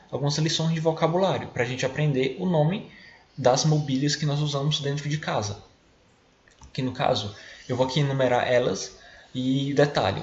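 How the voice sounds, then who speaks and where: A man's voice: mid-range voice, echoey room, lo-fi sound. Brazilian man teaching English vocabulary patiently. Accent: Brazilian Portuguese. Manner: patient, explanatory, repeats words slowly for pronunciation. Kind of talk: recorded online class for children.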